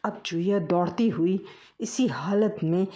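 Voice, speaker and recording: A woman narrating a funny children's folk tale, telling it in a lively, expressive way. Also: on the low side, unhurried. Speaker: storyteller. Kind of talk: storybook narration.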